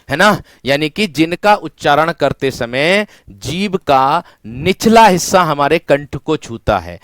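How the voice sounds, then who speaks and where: A man's clear, smooth voice, medium in pitch and a bit bright, leads an online exam-prep lesson where every point gets repeated. He addresses students as his friends and keeps asking them questions that he answers himself. The audio is close and dry, free of any room echo.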